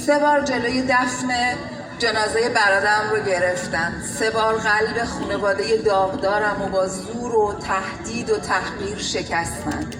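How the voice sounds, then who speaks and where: A bereaved woman from Iran speaks with rapid, grave intensity, accusing and grieving at once. Her voice rings through a long-reverb hall, and music plays clearly behind her. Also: mid-range voice. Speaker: bereaved sister giving testimony. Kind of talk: public testimony speech.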